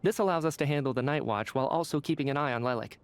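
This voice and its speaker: A man's voice: medium pitch, racing, clear, resonant tone, no room sound, close to an everyday voice. A man voicing an urbane, wry character in a video game who talks with a slight mocking edge.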